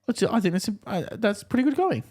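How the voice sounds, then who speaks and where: Animated joking male podcast host. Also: high-pitched, brisk. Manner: joking, animated, laughs often. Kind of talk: casual banter.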